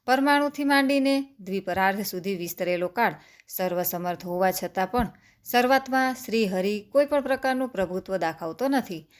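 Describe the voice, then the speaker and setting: A woman narrating a devotional scripture text in a steady recitation, slowing down for long lists of names. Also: medium pitch. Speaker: scripture reader.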